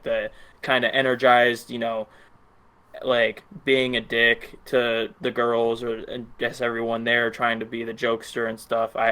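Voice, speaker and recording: Male podcast co-host, monotone delivery, halting and full of "um" and "you know". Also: medium pitch. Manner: hesitant, many fillers like um and you know. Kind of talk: casual film review chat.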